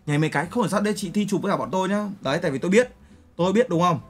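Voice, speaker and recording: A man's voice: sits high, racing. A young man streaming, chatting casually with viewers in a brash, joking way full of crude slang while he reacts to photos and clips.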